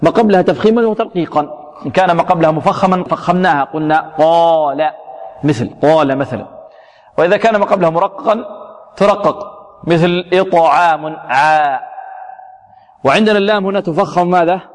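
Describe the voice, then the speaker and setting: A fairly high-voiced man teaches Quran recitation, stretching out each example word with care before snapping back to brisk correction. He quizzes his students and answers his own questions. His voice rings with a long reverb, as if in a large hall. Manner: slow, drawn-out demonstrations of each word, then quick corrections; asks questions of the students and answers them himself. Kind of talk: tajweed lesson with recited examples.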